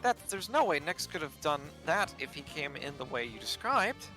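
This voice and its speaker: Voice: mid-range voice, very animated, moderate pace, pushed and bright, faint music behind, rough recording. A co-host of a let's play, chatting casually over a mystery game and reacting playfully.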